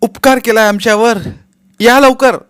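Man doing a shrill, frantic woman on the phone. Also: lively intonation, normal speed, dry recording. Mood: snapping. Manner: shrill, snapping and impatient. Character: agitated anxious young woman on the phone.

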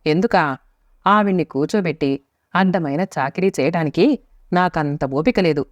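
A woman voicing a sharp-tongued scolding wife. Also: low voice, normal speed, dry recording, lightly acted. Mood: defiant. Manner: biting, scolding. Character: sharp-tongued middle-aged wife, quarrelsome and resentful. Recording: dry, slightly muffled lo-fi recording.

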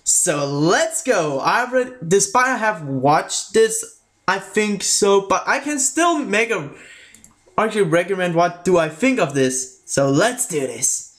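A man talks through a video review in a loose, casual way, stopping and restarting his sentences as he goes. His voice sits high for a man and he speaks slowly. His vowels drift between American and British. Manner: halting, restarts sentences often; mixes American and British sounds.

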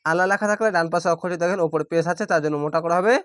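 A man teaching Quran reading, spelling out each syllable plainly and drawing out the recited words slowly. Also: on the high side, clean tone, no echo, studio quality.

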